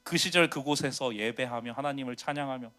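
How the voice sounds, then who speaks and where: A man in his thirties, a pastor preaching a confessional sermon, swinging from loud to hushed. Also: medium pitch, fairly quick.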